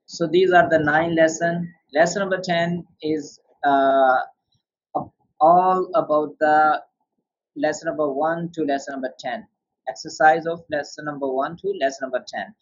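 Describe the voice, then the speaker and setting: A man with a somewhat high voice leads a beginner's tajweed lesson. He explains rules one by one and keeps quizzing his student. The sound is muffled and lo-fi. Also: fairly even intonation, normal speed. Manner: patient, quizzes the student with questions. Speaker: Quran tajweed teacher. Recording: dull lo-fi sound.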